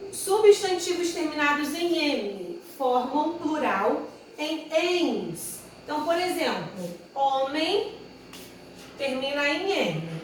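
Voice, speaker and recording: Woman, teacher, high voice, slow patient delivery, distant mic in an echoey room. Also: a little hiss or hum. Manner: patient, repeats each example and corrects herself. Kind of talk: grammar lesson at a whiteboard.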